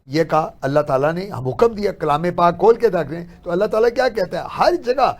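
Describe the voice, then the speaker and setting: A man's voice: high-pitched, darkish tone. A man, a doctor and interview guest, chatting casually and telling stories in which he acts out his patients' words. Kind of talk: casual chat.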